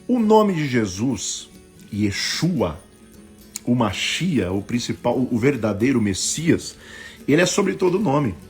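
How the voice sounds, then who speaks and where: A Brazilian Portuguese-accented bishop preaches a sermon on a live stream, his medium-pitched voice very animated yet slow-paced as he tells stories and acts out the voices of the people in them. He swings between loud bursts and hushed asides while soft music plays in the background.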